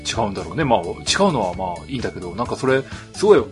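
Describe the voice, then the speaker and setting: A man's voice: fairly low pitch, big pitch swings, racing, a little mellow, soft background music. A man from rural Tohoku co-hosting a podcast in casual chat, playful and self-deprecating. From rural Tohoku, Japan. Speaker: podcast co-host.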